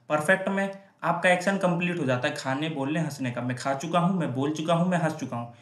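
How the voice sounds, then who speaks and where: A male grammar teacher lecturing in Hindi, asking and answering his own questions and repeating example sentences. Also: on the high side. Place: classroom with whiteboard. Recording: echoey room.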